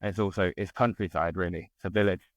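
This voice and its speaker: A man's voice: sits low, fairly even intonation, quick pace, no room sound. A man from southern England with a modern British RP accent, chatting casually and discursively as an interview guest. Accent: southern English RP. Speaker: interview guest, English teacher. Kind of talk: casual conversation.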